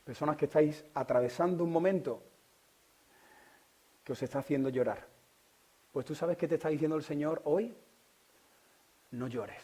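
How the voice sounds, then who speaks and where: A Spanish man preaching a sermon with a fairly high voice. He asks the congregation questions directly and drops from forceful, raised passages to near-whispers. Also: brisk, pauses often, breathy edge. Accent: Spain Spanish. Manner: swings from loud preaching to hushed whispers. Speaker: pastor.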